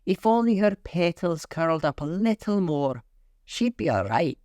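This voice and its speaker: Storybook: a fiery, commanding female flower, raised pitch, done by a male narrator. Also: a little slow, no echo, clean studio sound. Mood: imperious. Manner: imperious, excitable. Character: fiery, passionate female tiger lily, bossy.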